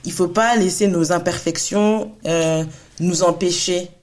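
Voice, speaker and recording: A woman's voice: on the low side, steady tone, a little slow, a little mellow. A woman in her thirties, co-hosting a faith podcast in an earnest, encouraging, casual way, with frequent laughs and restarts. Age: 30s. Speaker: podcast co-host.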